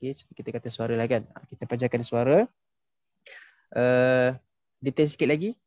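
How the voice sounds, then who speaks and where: Mellow man teaching online. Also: mid-range voice, normal speed, no room sound, lo-fi sound. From Malaysia. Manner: patient, quizzes students, many fillers like ha and okey. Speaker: tajwid teacher. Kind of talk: casual online class instruction.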